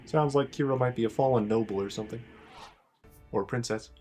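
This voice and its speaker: A man's voice: mid-range voice, brisk, a little mellow, faint music behind. A man hosting a let's play, commenting casually on a video game.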